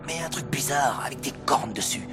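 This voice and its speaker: A man voicing a secretive music-shop clerk in a French film dub, talking in a hushed, conspiratorial way. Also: mid-range voice, expressive, a little fast, lightly acted. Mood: storytelling.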